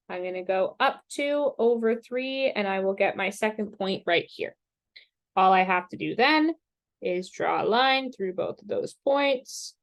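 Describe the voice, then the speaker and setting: A woman math teacher explaining graphing step by step in a slow, patient way, with self-deprecating asides, and she has the hiccups. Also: medium pitch. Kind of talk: recorded screen-share math lesson.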